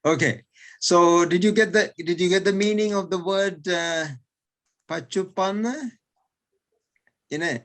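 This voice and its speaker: Slow, hesitant higher-voiced male teacher. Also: fairly bright tone. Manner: hesitant, repeats words, many fillers; chuckles between points. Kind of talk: explaining in an online lesson.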